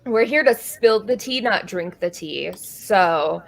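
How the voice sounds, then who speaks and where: A woman in casual chat with friends who softens her R's toward W, playfully defensive with girlish slang. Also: medium pitch, vocal fry. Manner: does not pronounce R's properly, softened like W.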